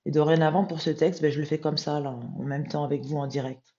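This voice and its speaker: A woman's voice: low-pitched, fairly even intonation, mellow, dull audio. Tired woman muttering at her screen. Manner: muttering to herself, reads passages slowly and emphatically. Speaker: medium transcribing a channeled text. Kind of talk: live screen-recorded transcription, thinking aloud.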